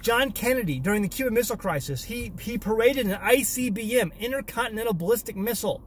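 Here a thirtysomething man with a homesteading channel vents in a selfie vlog, phone held at arm's length inside his parked car. He talks fast in a high, expressive voice, over slight background noise, and repeats words for emphasis.

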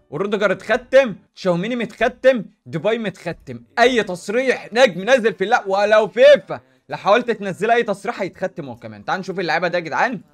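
A young man with an Egyptian Arabic accent rattles off gameplay commentary at a rapid clip, high-pitched and hyped. He talks in animated, slang-heavy bursts, with faint music running beneath him. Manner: animated, rapid, hype-filled street slang. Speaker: gaming YouTuber.

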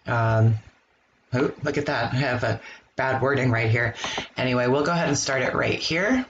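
Give me a man at a middle pitch walking through a software tutorial, relaxed and plain, with faint noise behind. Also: normal speed, lo-fi sound. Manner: relaxed step-by-step explaining with ums. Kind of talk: screen-recorded software walkthrough.

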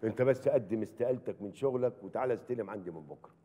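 A man playing a fast-talking flatterer, deep voice. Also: lightly acted. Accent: Egyptian. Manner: smooth-talking, flattering, boastful. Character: boastful, flattering rich man hosting a feast. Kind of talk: TV series acting.

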